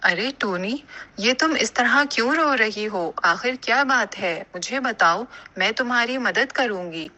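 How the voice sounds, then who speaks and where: A woman voicing a kind, motherly female pigeon in an animated cartoon, speaking gently and giving advice. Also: on the high side, dull audio. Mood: caring. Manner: gentle and advising.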